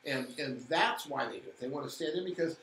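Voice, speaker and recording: Fast heated man. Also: mid-range voice, lively intonation, fairly bright tone. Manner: fast, heated, repeats words, sarcastic. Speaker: co-host of a local civic live stream. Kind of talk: impassioned casual talk. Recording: echoey room with faint background noise.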